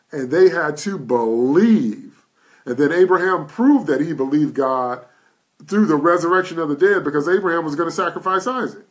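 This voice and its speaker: A man preaching a live-streamed sermon in an emphatic, repetitive cadence, often checking in with "okay?". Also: on the high side. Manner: asks "okay?" to check in with listeners. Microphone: live stream setup.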